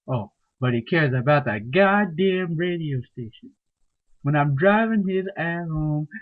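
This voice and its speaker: A man rants through his comic stories, swearing hard and mocking everyone he talks about. His voice sits a bit high. The recording is thin and tinny, like a phone line. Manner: profane, ranting, mocking. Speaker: storyteller. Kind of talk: comedic ranting monologue.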